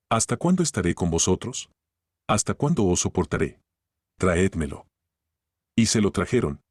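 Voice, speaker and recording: A man reading the Bible aloud in a steady, measured way, phrase by phrase. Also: sits low, husky, no echo, studio quality. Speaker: Bible reader.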